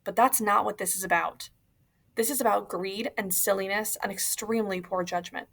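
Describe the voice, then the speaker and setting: Woman narrator voicing a stern, scolding audiobook prison warden with a gravelly edge. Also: mid-range voice, moderate pace. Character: stern male prison warden, strict and angry.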